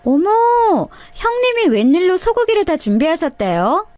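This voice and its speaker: Brief: high, sneering storybook sister-in-law, as a woman narrator puts her on, scheming and mocking. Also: very animated, normal speed, dry recording.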